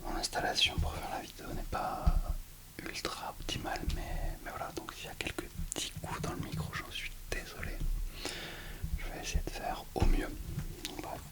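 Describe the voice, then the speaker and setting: A person whispering a book presentation for ASMR, speaking in a hesitant, self-deprecating way into a close mic. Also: moderate pace. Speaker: ASMR video creator.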